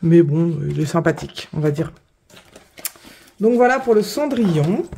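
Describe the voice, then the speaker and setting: A woman's voice: on the low side, animated, normal speed, gravelly, mellow, slight background noise. A woman casually presenting her finished coloring pages, hesitant, with many fillers and self-corrections. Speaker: coloring hobby vlogger. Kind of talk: casual show-and-tell.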